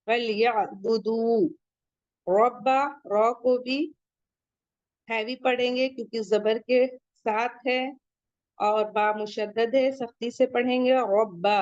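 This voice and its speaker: Slow, patient woman tajweed teacher. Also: on the high side, a little mellow, no room sound, dull audio. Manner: explains rules step by step, then recites each word slowly; asks students questions and checks their answers. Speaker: Quran recitation teacher. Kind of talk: tajweed lesson with recitation.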